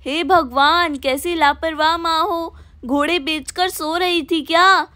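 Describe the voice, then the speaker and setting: A woman's voice: extremely high pitch, steady tone, takes it slowly, pushed and bright, dry recording, full character voice. A woman voicing a strict, fretful old grandmother who scolds her family. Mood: scolding. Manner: scolding, bossy.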